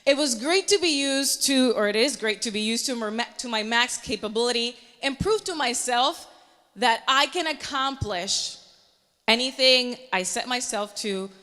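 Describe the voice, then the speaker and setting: A woman tells her own story in an earnest, motivational way. Her voice is bright and sits a little high. A long hall reverb trails behind her words. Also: lively intonation, normal speed. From Panama. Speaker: meteorologist. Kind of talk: personal story speech.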